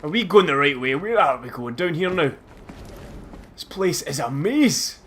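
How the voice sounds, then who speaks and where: A man's voice: a little high, sing-song, normal speed, slight background noise. A man with a Scottish accent giving casual, chatty and self-mocking commentary over a game as a let's play host. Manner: chatty, self-mocking, bursts into loud laughs.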